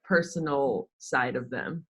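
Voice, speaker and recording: A woman in her twenties with an American accent, who works in sports social media, chats informally as a podcast guest. Her very deep voice moves slowly, and she fills her sentences with "like."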